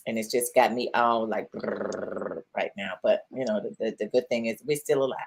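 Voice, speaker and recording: A woman's voice: rumbling low, fairly even intonation, moderate pace, gravelly, slightly rough. A middle-aged woman co-hosting a casual talk show, chatty, often repeating herself and pressing with questions. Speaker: podcast co-host. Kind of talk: casual chat.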